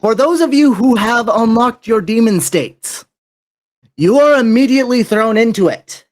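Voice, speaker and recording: Slow, lively-voiced man running a tabletop game. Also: very high voice. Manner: unhurried, narrating with hesitant fillers. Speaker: dungeon master.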